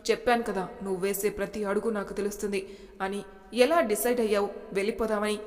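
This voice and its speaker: A woman's voice: medium pitch, steady tone, fast talker, a little mellow, natural voice. A woman voicing a possessive young husband who talks in blunt commands and threats. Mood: stern. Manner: commanding, menacing. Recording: long reverb.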